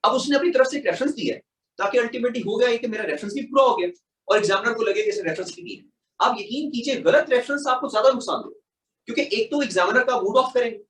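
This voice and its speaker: A middle-aged man with a Pakistani Urdu accent, an exam mentor explaining with rhetorical questions. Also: high voice. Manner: animated, rhetorical questions, mixes English terms. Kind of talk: explaining in a panel talk. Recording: echoey room, mic at a distance.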